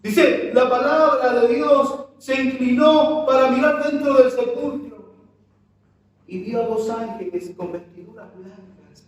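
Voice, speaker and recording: High-voiced man preaching in echoey church. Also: slow pace. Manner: impassioned preaching with rhetorical questions to the congregation. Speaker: pastor. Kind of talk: sermon. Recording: very echoey church hall, mic far off.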